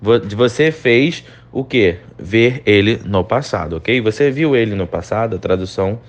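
A man's voice: lowish voice, animated, muffled recording. Brazilian man teaching English grammar. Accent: Brazilian Portuguese. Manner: explains step by step, often asks "né?" and "ok?"; reads English example sentences slowly and clearly. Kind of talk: recorded online lesson.

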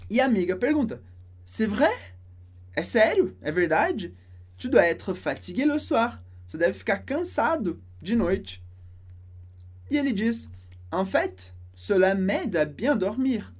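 Woman teaching French, husky voice. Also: mid-range voice, sing-song, darkish tone. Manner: slow, careful pronunciation of French phrases. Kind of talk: language lesson explaining a dialogue.

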